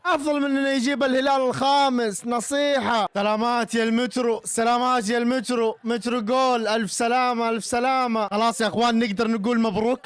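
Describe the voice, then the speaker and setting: A young Saudi man with a Gulf Arabic accent, reacting loudly to a football match as a streamer, shouting and teasing rival fans. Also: very high voice, steady tone, fast talker, few pauses, clear, resonant tone, dry recording. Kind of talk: excited live match reaction.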